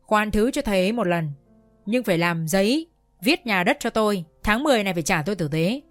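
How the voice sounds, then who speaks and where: A woman's voice: mid-range voice, animated, fairly quick, dry recording, soft background music, natural voice. A woman reading as a stern, wealthy father. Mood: firm.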